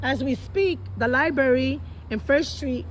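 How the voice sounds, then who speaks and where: In a rough recording with faint background noise, a high-voiced woman argues on the phone at a public library at a measured pace. She's insistent and emphatic, frequently repeating herself to drive her point home.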